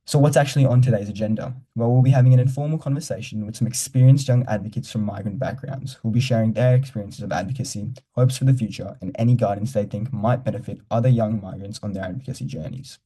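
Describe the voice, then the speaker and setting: A man's voice: fairly low pitch, fast, hardly any pauses, warm tone, husky. A young man hosts an online youth event, reading a formal scripted welcome over a video call. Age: young adult. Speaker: event host.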